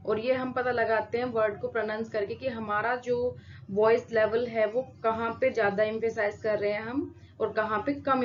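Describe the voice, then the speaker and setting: Woman teacher, slow patient lesson, fairly high voice, dull lo-fi audio with faint hiss. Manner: slow, patient, repeats example words. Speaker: English teacher. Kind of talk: explanatory lesson. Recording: dull lo-fi sound with faint noise.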